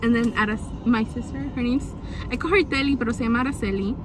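A woman's voice: fairly high pitch, fast. Casual young woman vlogging outdoors. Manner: casual, mixes Spanish into English, swears. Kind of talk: casual chat to camera. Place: outdoors after a photoshoot. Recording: noisy outdoor ambience with traffic.

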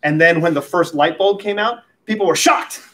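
A man's voice: fairly high pitch, moderate pace, pushed and bright. A man preaching a sermon at a pulpit microphone as pastor, talking in a conversational way with light humorous asides.

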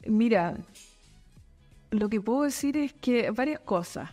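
Fairly high in pitch, warm, animated, and slow, the voice belongs to a company manager from Chile in her fifties. She is a guest in a casual office studio interview, recorded on a desk boom mic, talking thoughtfully with plenty of fillers and restarts while faint music plays behind her.

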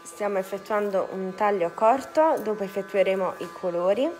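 A woman's voice: medium pitch, moderate pace, a little mellow. A woman casually chatting on a live stream from a salon, reading out viewers' comments as the host's helper. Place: indoor hair salon.

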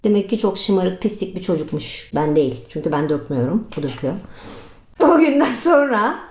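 A woman's voice: mid-range voice, big pitch swings, brisk, darkish tone. A woman telling funny childhood stories in a casual vlog, chatty and crude, laughing often. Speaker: vlogger. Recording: roomy echo.

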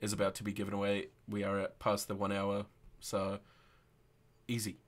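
A man's voice: on the low side, monotone, moderate pace, gravelly. A young man hosting a casual, informal livestream chat. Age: young adult. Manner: informal, sweary. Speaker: host. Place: indoor room, livestream video call.

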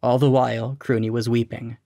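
A man narrating a short story in a steady, even storytelling delivery. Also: mid-range voice, a little fast, no echo, studio quality.

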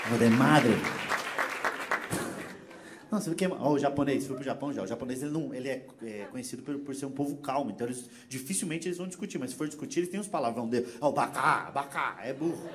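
A Brazilian man doing a stand-up comedy set on a theater stage, with a Brazilian accent, animated and quick to act out shouted insults. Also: mid-range voice. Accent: Brazilian Portuguese. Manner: animated, mimics shouted insults in other languages. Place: theater stage with live audience. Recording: live show with crowd and hiss. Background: audience laughter.

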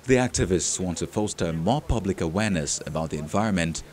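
A man's voice: low-pitched, lively intonation, fast talker, darkish tone. A man reading a scripted news feature as a voice-over. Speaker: report narrator.

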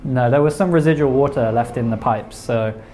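A young man calmly explaining renovation work in a brick-walled farmhouse room. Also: medium pitch, normal speed, slight background noise. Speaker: home renovator. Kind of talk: casual explanation on camera.

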